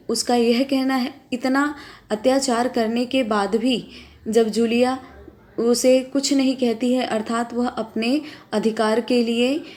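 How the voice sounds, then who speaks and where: A woman teacher explaining a school textbook story in a slow, repetitive, explanatory way. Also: on the high side, darkish tone. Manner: slow, explanatory, repeats phrases.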